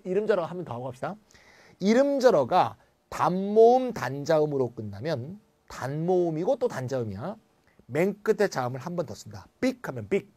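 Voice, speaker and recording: A man teaching an English grammar lecture in a chatty, blunt manner, full of asides. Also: fairly high pitch. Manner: lively, chatty and blunt, with asides and mild swearing.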